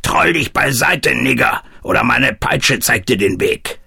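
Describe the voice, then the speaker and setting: A harsh, rude coachman shouts from his box in a storybook reading, voiced by a male narrator. He barks his orders with open contempt, his voice pushed up high and thrown out sharply. The underlying voice keeps a husky grain. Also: lively intonation, a little slow, no echo, studio quality, exaggerated voice. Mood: barking. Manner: barking, contemptuous.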